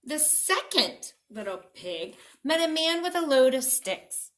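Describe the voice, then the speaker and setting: A woman's voice: high voice, very animated, measured pace, a bit bright. A woman reading a children's story aloud with dramatic expression, speaking directly to young listeners.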